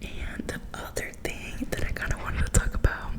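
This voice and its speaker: In a whispered ASMR storytime, a young woman gossips and chats in casual slang at a normal speed. Her retelling is lively and dramatic.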